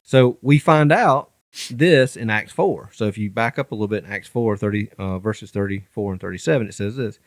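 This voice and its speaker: A man's voice: fairly low pitch, fairly quick, dry recording, studio quality. Southern man reading scripture on a podcast. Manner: reads scripture aloud, stumbling now and then. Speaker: podcast co-host. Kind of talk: casual Bible study chat.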